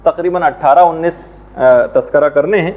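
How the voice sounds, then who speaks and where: A man teaching a religious lesson in a measured, explanatory way, now and then reciting Arabic prayers and verses. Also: on the high side. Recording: tinny phone-like sound.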